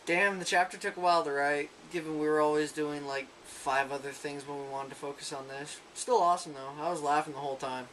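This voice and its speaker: High-voiced young man, relaxed and easygoing, faint hiss behind. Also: a little fast, hardly any pauses, rough recording. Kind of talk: casual chat.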